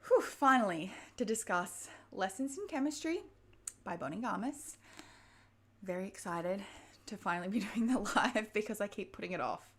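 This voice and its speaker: A woman's voice: medium pitch, expressive, moderate pace, husky. A woman hosting a casual book club livestream, out of breath and chatty, laughing often and a little frazzled. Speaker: booktube livestream host. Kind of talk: casual live-stream chat.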